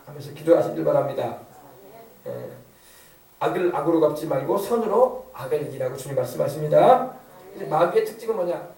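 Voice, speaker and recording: Pastor, man, middle-aged, high voice with a mellow tone, emphatic repetitive preaching, echoey church from a distance. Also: expressive, fairly quick. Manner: rhetorical questions, emphatic repetition. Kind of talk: sermon. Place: church sanctuary.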